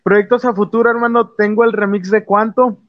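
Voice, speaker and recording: Young man, halting and dull-sounding. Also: high voice, flat delivery, no echo. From Mexico. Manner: hesitant, many restarts and fillers. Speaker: musician guest. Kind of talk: casual interview answers.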